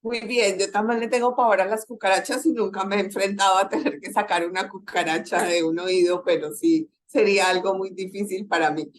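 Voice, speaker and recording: A woman's voice: mid-range voice, fairly even intonation, brisk, hardly any pauses. Woman moderating a panel. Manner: brief, encouraging replies that hand the turn on.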